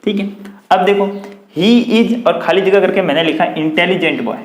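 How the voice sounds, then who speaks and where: A man with a fairly high voice and a Hindi accent teaches a grammar lesson, repeating points patiently and spelling out example sentences slowly. He is recorded in an echoey room. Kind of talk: classroom-style grammar lesson.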